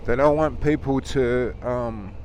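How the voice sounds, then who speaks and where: A man's voice: mid-range voice, slow, a little mellow. A man talking from inside a motorcycle helmet in a casual, rambling, opinionated rant, as a motovlogger. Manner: opinionated, chuckling, conversational. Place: inside a helmet while riding a motorcycle outdoors. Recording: inside motorcycle helmet, engine and traffic noise.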